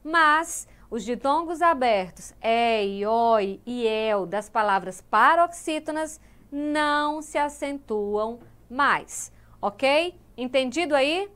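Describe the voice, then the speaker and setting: In an educational channel's studio, a woman teacher gives a grammar lesson step by step, voicing students' questions before answering them. Her voice is high, clean and fairly bright, slow, with lively intonation.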